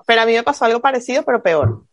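A woman in casual podcast chat, animated and confiding, with quick asides. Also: on the high side, no room sound, studio quality.

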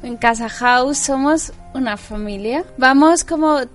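A woman playing a real estate agent in a comedy sketch. She has a high voice and talks in a chatty, upbeat way. Faint music plays underneath. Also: a little slow.

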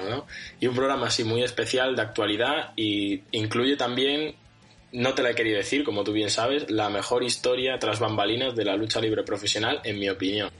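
A man's voice: fairly low pitch, fairly even intonation, moderate pace, fairly bright tone. A man co-hosting a podcast, giving casual conversational sports analysis over music. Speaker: podcast co-host. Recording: music bed behind the voice. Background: guitar music.

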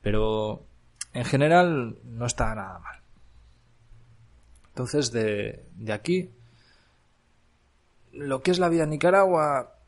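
A man in his thirties from Barcelona, Catalonia, hosts a podcast from Granada, Nicaragua, reflecting on his life abroad in an unhurried personal monologue. His mid-range voice is expressive and carries a Barcelona Spanish accent, with frequent fillers and restarts.

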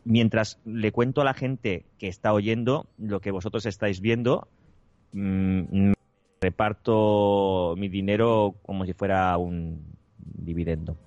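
A man's voice: fairly low pitch, fairly even intonation, takes it slowly, darkish tone, dry recording. A man with a Spain Spanish accent, co-hosting a podcast with playful, rambling jokes. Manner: playful, jokey, rambling riffs. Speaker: podcast co-host. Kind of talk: casual comedic chat. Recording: dull, dry lo-fi sound.

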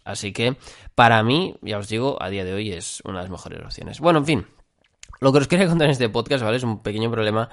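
A man from talks through a casual solo podcast monologue. He wanders from point to point, fills pauses with ums and keeps checking in with his listeners. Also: fairly low pitch, a bit bright. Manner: rambling, full of fillers and "¿vale?" check-ins. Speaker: podcast host.

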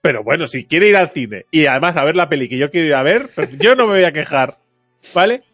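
A man co-hosting a podcast in casual chat, telling animated stories and acting out quotes with frequent laughter. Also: a little high, a little fast, no echo, clean studio sound, faint music behind. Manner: animated storytelling, acts out quotes, laughs often. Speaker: podcast co-host.

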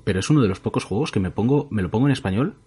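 A man from talks casually on a podcast in a low, husky voice. He hesitates and restarts his sentences often as he works out what he thinks. His delivery stays loose and conversational. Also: lively intonation, rapid-fire, mellow. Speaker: podcast co-host. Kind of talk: casual chat about video games.

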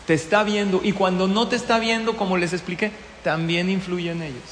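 A man giving a storytelling sermon, an animated teacher who keeps asking his listeners questions. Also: high voice, a little fast, a little hiss or hum. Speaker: religious teacher. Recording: echoey hall with long reverb.

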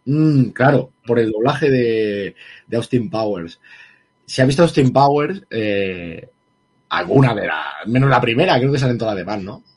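A man's voice: mid-range voice, lively intonation, moderate pace, darkish tone, slightly rough. A man co-hosting a casual film review chat, heated and emphatic, swearing freely. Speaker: podcast co-host reviewing a film.

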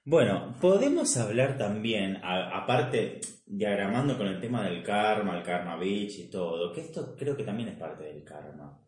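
Lowish Argentine man, casual and echoey. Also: measured pace, hardly any pauses. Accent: Argentine Rioplatense. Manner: animated, swears casually, acts out quotes. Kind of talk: casual chat. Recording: roomy echo.

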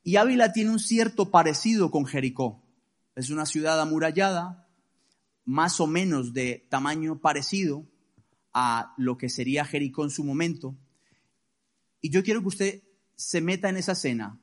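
Man, pastor, sermon, high-pitched, emphatic, calls for responses. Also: expressive, normal speed. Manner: emphatic preaching, calls for responses, varies volume widely.

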